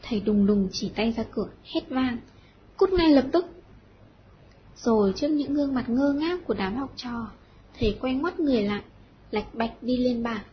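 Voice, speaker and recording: A woman narrating an audiobook in an expressive storytelling style. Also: fairly high pitch, normal speed. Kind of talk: scripted narration. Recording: dull lo-fi audio with faint noise.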